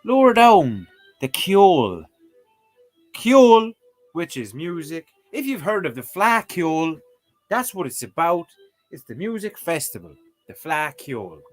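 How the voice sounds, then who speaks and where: A man with a high, widely swinging voice talks slowly over faint background music. He's casually commenting on his livestream while working through a language lesson, cracking jokes and tossing in mock exclamations.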